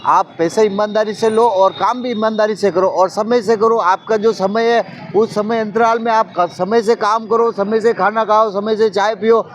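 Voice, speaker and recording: High-voiced guy earnestly giving advice, a bit of noise behind. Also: fairly even intonation, moderate pace. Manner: earnest, appealing.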